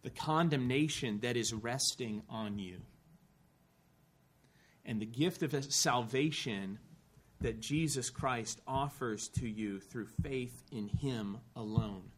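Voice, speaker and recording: A man's voice: medium pitch, slow pace. Man preaching an earnest sermon. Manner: earnest storytelling with rising emphasis and dry asides. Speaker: pastor. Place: church.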